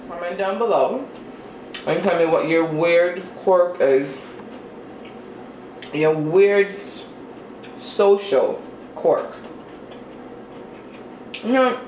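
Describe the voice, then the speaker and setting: An unhurried vlogger chats in a self-deprecating way while eating, with chewing sounds and hums between remarks. The voice sits at a middle pitch. The recording is roomy, with faint ambient noise behind it. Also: a little mellow, muffled recording. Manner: eats while talking, with chewing and mm-hmm sounds. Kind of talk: casual eating vlog chat.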